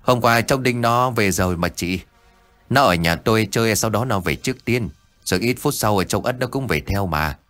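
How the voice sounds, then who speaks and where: A man voicing a middle-aged village neighbor in a spoken ghost story, calm and reassuring. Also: lowish voice, normal speed, dry recording, faint music behind, voice pushed up.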